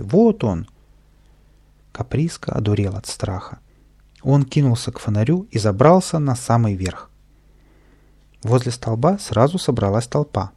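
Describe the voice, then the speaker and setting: A man reading a children's story aloud with lively expression. His voice is gravelly and creaky, with a dark, mellow tone at a middling pitch. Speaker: audiobook narrator.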